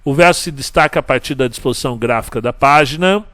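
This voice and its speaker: A man's voice: medium pitch, fast talker, a bit bright. A man teaching a class on verse. He counts syllables aloud, asks questions and answers them himself, and checks in with his listeners often. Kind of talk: recorded class lecture.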